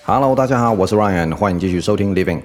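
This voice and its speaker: A man hosting a casual podcast lesson on English pronunciation, mixing Chinese with English fillers and slowly repeating words to model them. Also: low-pitched, lively intonation, in a large hall, faint music behind.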